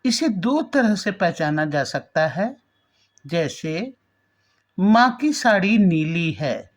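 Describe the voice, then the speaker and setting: A woman's voice: medium pitch, a little mellow. A woman teaching a language lesson, patiently explaining spelling and repeating words aloud to demonstrate how they sound. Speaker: Hindi teacher.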